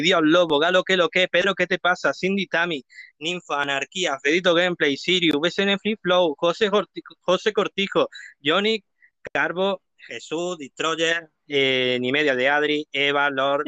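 A man's voice: a little high, bright, forceful tone, clear, resonant tone, dry recording. A man, co-hosting a live show in casual chat, playful and racing through long lists of names. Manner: playful, reads a long name list at speed.

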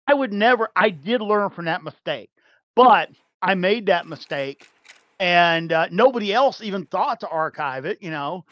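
High-voiced man chatting with many fillers. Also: animated, normal speed, a bit bright, no room sound, muffled recording. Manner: rambling, many fillers and restarts, laughs easily. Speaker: podcast guest, game developer. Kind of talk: casual chat.

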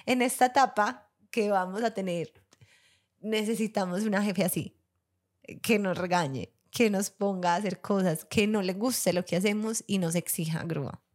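A woman's voice: medium pitch, moderate pace. A woman with a mid-range voice co-hosts a casual podcast. She reads listener stories aloud, stopping to comment and giggle along the way. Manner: reads aloud with frequent laughter and asides. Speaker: podcast co-host.

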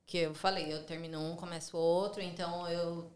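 With a fairly low pitch and flat delivery at a normal speed, a woman from São Paulo, Brazil, chats as a podcast guest in a casual conversational interview. She has a São Paulo Brazilian Portuguese accent, often tags her sentences with questions, and is heard in an echoey room.

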